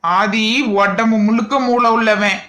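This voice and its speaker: A woman voicing a boastful young man in a cartoon, who calmly tells a worried woman to leave everything to him. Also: fairly high pitch, a little slow, dull audio, pitched below the performer's own voice. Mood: reassuring. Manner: boastful, soothing reassurance. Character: cocky young man, self-assured schemer. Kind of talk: cartoon character voice.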